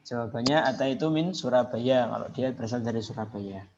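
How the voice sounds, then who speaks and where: A man teaching an Arabic class online, patiently repeating phrases slowly for his students. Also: mid-range voice, darkish tone, slight background noise. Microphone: video call. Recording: muffled video call with chattering students.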